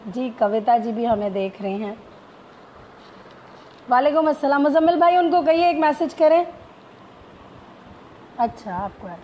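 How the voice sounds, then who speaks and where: High-voiced woman hosting a live stream. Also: animated, unhurried, long pauses, mellow, slight background noise. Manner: formal Urdu-inflected greetings, many hesitations.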